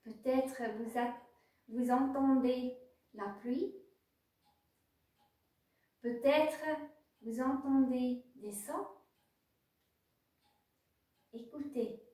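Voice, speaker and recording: This yoga nidra teacher's high voice is mellow and steady as she guides meditation at a very slow pace. She pauses between short instructional phrases. The microphone sits far away in a very echoey room.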